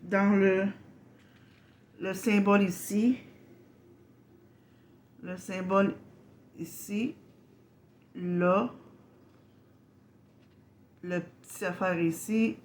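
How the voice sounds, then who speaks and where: A woman from Quebec with a Québécois accent, hosting a casual unboxing vlog, halting and apologetic, full of fillers and restarts. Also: mid-range voice, steady tone. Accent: Québécois French. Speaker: channel host.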